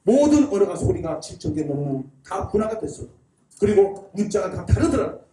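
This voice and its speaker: A man's voice: sits high, big pitch swings, fairly quick, warm tone. A man giving a public lecture at a church, drilling his audience in call-and-response and chuckling as he talks. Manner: folksy, chuckling delivery. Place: church hall. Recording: echoey hall, mic at a distance.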